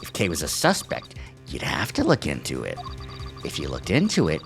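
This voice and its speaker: A man voicing a mysterious male caller who disguises himself with a voice changer, speaking in a smug, taunting, drawn-out way. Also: huge pitch swings, creaky, faint music behind, heavily acted. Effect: voice changer disguise, deepened. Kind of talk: let's play character voicing.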